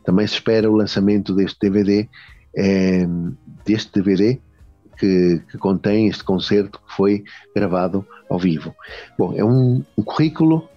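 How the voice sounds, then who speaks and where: A man interviewing a singer, first reading her biography in a halting way with restarts and filler sounds. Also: lowish voice, no room sound. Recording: muffled lo-fi audio with faint music.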